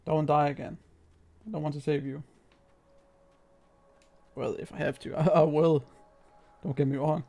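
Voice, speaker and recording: A man's voice: fairly high pitch, flat delivery, unhurried, creaky, pauses often, a little mellow, soft background music. A man giving casual, playful and slangy live commentary while he streams a video game.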